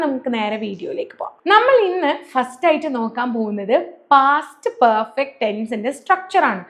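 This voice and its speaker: A woman with a Malayali accent teaches English grammar at a board. Her voice sits high and light. She explains patiently and goes over each point again with a steady "okay". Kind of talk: classroom grammar lesson.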